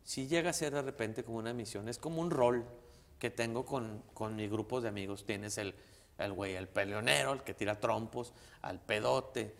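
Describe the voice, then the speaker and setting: Gravelly Mexican comedian telling a story. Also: male voice, fairly low pitch, normal speed. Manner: slangy, crude, rambling with many restarts. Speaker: guest comedian. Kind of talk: casual storytelling. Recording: long reverb.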